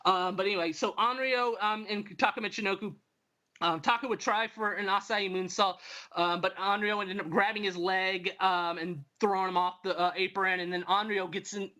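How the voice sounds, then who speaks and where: A man's voice: sits high, bright, forceful tone. A man hosting a casual talk show, recounting old events in a rambling way full of ums, restarts and fillers. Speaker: wrestling history podcast host. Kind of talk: casual retrospective commentary.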